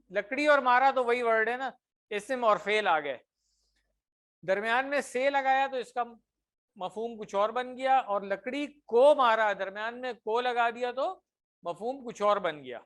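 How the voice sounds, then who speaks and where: A man teaching a class that is also followed online. He explains patiently, checks often that students follow, and slows down on example phrases. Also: sits high, fairly bright tone.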